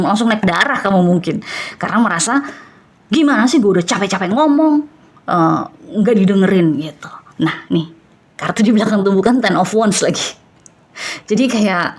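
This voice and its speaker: A woman giving a casual tarot reading to camera, chatty and animated, laughing often and acting out what people might say. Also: lowish voice, slightly rough. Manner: animated, with sound effects and acted-out quotes. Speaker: tarot reader.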